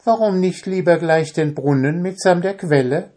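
A man voicing a boastful, quick-witted little tailor in a storybook reading, in a raised, cocky voice. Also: sing-song, dark tone, breathy edge, full character voice. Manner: high, boastful, sly.

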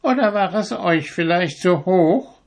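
Give me a pompous turkey cock, put on by a man reading a storybook in a high, puffed-up voice that swoops with scorn and talks down to everyone, slowly and grandly. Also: expressive. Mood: mocking. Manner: haughty, mocking, self-important.

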